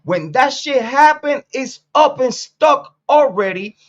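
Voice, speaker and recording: A blunt, profane man in his late forties from Puerto Rico hosts a street commentary monologue. His voice sits high for a man, and he hammers points home by repeating them. The sound is dull and lo-fi. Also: expressive, takes it slowly, a bit bright. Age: 40s. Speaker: commentary channel host.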